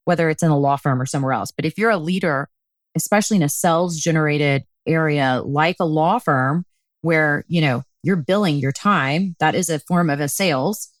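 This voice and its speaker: A woman's voice: sits low, moderate pace, no echo, clean studio sound. A woman hosting a conversational interview, speaking earnestly and emphatically in long winding sentences. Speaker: interview host.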